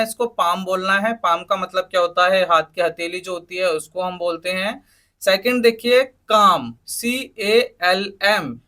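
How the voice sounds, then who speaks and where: A man's voice: high voice, bright, forceful tone. A man teaching English spelling in a lesson, spelling words out letter by letter and asking his students questions he answers himself. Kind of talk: spoken English lesson in Hindi.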